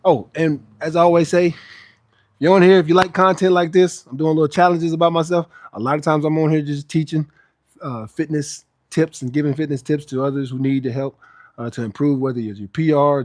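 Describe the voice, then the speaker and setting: A man with a fairly high voice hosts a live workout stream, talking between sets of pull-ups. He chats casually as a trainer and repeats phrases to drive them home. The sound is dry and close, with little room to it. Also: fairly even intonation, brisk, darkish tone, no echo. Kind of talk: casual livestream chat with viewers. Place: outdoors under a roof.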